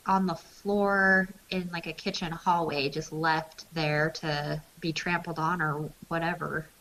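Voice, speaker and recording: Female co-host, lowish voice, reflective and agreeable; faint hiss on the track. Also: level tone, unhurried, fairly bright tone, low-quality recording. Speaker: podcast co-host. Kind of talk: true crime podcast discussion.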